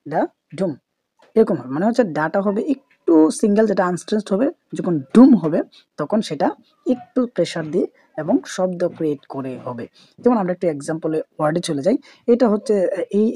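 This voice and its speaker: A woman teaches a literature class with a mellow, warm tone. She explains patiently, goes back over each point, and slips English terms into her speech. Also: lowish voice, husky, no echo. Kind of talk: explanatory lecture.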